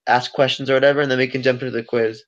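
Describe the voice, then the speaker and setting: A man's voice: mid-range voice, level tone, racing. A man on a casual study-group video call, rambling with filler words. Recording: muffled, noisy video-call audio.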